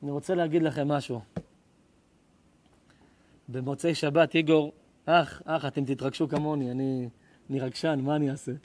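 A middle-aged rabbi preaching to a live audience in a rather high voice. He tells stories with passion, jumping from near-shouts down to soft, intimate lines. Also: steady tone, long pauses. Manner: impassioned, swings between loud cries and hushed tones. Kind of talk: emotional sermon with storytelling. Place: live lecture before an audience.

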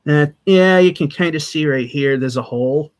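Speaking at a moderate pace in a fairly high voice, a man in his thirties hosts his channel with a casual, rambling vlog update. The webcam sits at desk distance in his small attic room with its sloped wood-paneled ceiling, and he talks chattily, with fillers and restarts.

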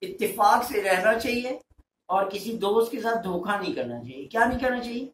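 A woman telling a story to children at home, lively and asking them questions, recorded from a distance with a camera. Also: mid-range voice, brisk. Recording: roomy, distant mic, faint hum.

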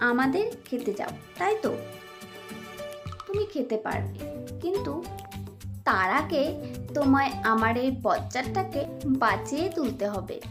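A woman plays a scheming cartoon vixen who taunts and sneers in a high, slow, drawn-out voice. Her giggling manner stays sly throughout. Faint music plays behind her. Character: sly mocking female fox, scheming and taunting. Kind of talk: cartoon voice acting.

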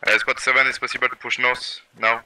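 A man's voice: mid-range voice, level tone, brisk, sharp tone, low-quality recording. A man coordinating squads in gaming voice chat with radio-style reports. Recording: game audio with faint gunfire noise. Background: gunfire, clicks.

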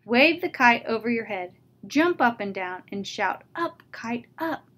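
A woman reading a children's story, voicing a calm, patient male frog who keeps encouraging his friend. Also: a little high, a little slow.

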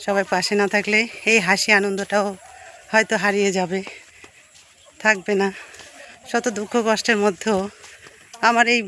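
A woman health worker speaks to her viewers while walking along a village road, slightly out of breath. She gently coaxes the elders she meets and gives them advice. A faint background noise sits under her voice. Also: mid-range voice. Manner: gentle, coaxing, advising elders. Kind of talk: casual vlog talk to viewers.

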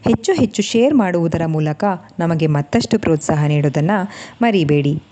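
Low, mellow-voiced woman storyteller. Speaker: storyteller and channel host. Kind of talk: scripted story narration.

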